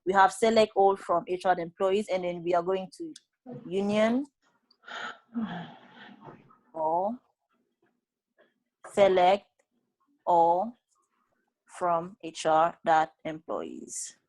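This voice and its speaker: A woman with a fairly low voice leads a study session, explaining each step of a database exercise. She keeps asking "right?" to check that her classmates follow, and she corrects mistakes bluntly. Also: slow, pauses often, a little mellow, low-quality recording. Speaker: student tutor leading a database class session.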